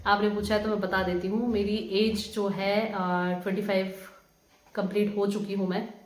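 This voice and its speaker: A woman's voice: medium pitch, little pitch movement, moderate pace, roomy sound. A woman in her twenties from Himachal Pradesh, answering viewer questions in a casual vlog, chatty and hesitant with many fillers. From Himachal Pradesh, India. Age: 20s. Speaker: vlogger. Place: home room.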